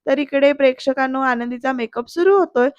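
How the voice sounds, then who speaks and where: A woman's voice: sits high, a little fast, darkish tone, clean tone, dry recording, highs cut off. A woman narrating a voice-over review of a TV serial episode, retelling the scenes and quoting each character's lines in turn.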